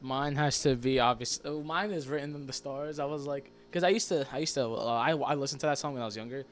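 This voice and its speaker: A man's voice: mid-range voice, a little hiss or hum. A young man co-hosting a casual comedy podcast, giggly and stumbling over his words. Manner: giggly, stumbling, quick bursts. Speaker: podcast co-host. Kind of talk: casual chat.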